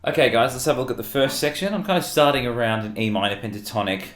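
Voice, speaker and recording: An Australian man teaching a guitar solo in a relaxed, explanatory way, counting notes aloud. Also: medium pitch, fast. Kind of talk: guitar lesson walkthrough. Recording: roomy sound with loud guitar music.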